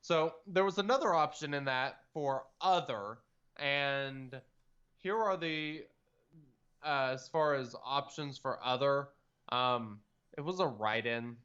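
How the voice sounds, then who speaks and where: A man co-hosting a podcast in relaxed chat, wandering through his points with plenty of ums and uhs. His voice is smooth and clean. The recording sounds dull and lo-fi. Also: medium pitch, slow pace. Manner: rambling, lots of fillers and trailing off. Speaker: podcast co-host. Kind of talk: casual chat.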